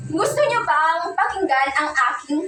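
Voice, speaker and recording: A woman's voice: high voice, expressive, measured pace, bright, forceful tone, a little hiss or hum. A young woman teaching a class in a sing-song way, praising and quizzing pupils as she reads a fable. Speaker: student teacher giving a demo lesson. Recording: echoey room, far from the mic.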